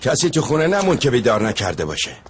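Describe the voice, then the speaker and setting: A stern sarcastic uncle. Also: male voice, mid-range voice, huge pitch swings. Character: stern sarcastic middle-aged uncle, head of house. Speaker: dubbed drama character, household elder. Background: background score music.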